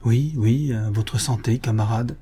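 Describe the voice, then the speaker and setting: A man's voice: mid-range voice, measured pace, warm tone, breathy edge. A man voicing a frightened male servant, a murder suspect who stammers and protests his innocence. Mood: protesting.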